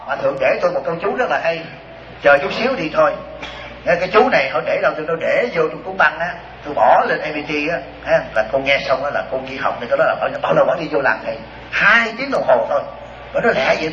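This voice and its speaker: A Southern Vietnamese man, a Buddhist monk, preaches a sermon in quick, animated bursts full of exclamations. His voice sits a little high for a man. It echoes around a roomy hall, and the recording sounds slightly dull. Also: noisy background. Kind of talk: storytelling dharma talk. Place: hall with a seated audience.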